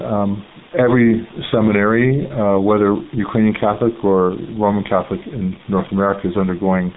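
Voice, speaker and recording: A Canadian man in his forties, a priest and seminary rector, answering radio interview questions in a halting way with many ums and uhs. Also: lowish voice. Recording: tinny phone-line sound with faint hiss.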